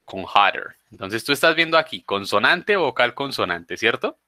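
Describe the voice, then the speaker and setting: A man teaches an online class, patiently breaking grammar rules into small steps. His voice is bright and sharp, and the sound is dry and close with no room around it. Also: mid-range voice, sing-song, normal speed, no echo. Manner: patient, explains step by step.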